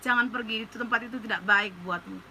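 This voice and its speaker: A tender, gentle divine man speaks in a soft, hushed voice, as a woman puts him on. He sits lower than the speaker's usual voice and stays quiet and comforting. The tone remains very bright. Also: fairly even intonation, fast, slight background noise, rough recording. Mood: tender pleading.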